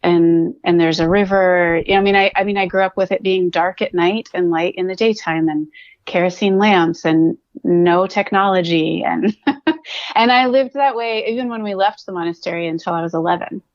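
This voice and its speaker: A woman's voice: on the low side, normal speed, no room sound. A woman from California, a podcast guest, speaking reflectively and restarting her sentences. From California, USA. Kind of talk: casual conversational interview. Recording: dull, dry lo-fi sound.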